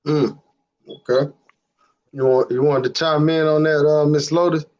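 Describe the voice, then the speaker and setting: A man's voice: a little high, fairly even intonation, unhurried, darkish tone. A man hosting a call-in panel, casually putting questions to the guests. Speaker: panel host. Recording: dull lo-fi call audio.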